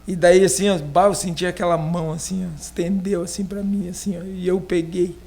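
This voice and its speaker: A man's voice: high-pitched, level tone, a little fast, gravelly, warm tone. A man with a southern Brazilian accent from Rio Grande do Sul, a pastor casually telling a personal story on a podcast in a rambling, filler-heavy way. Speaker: pastor being interviewed.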